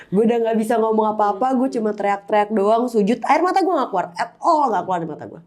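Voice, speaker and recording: Candid woman with a mellow voice. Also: on the high side, expressive, fast talker. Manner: candid, emotional, mixes in English words. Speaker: interview guest. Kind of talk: personal storytelling in casual chat.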